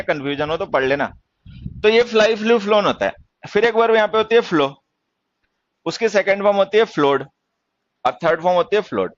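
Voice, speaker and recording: A man teaching English grammar in a classroom lecture, teasing students about their mistakes and reading example sentences slowly. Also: sits high, dry recording. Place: coaching class in Delhi. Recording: dull, dry lo-fi sound.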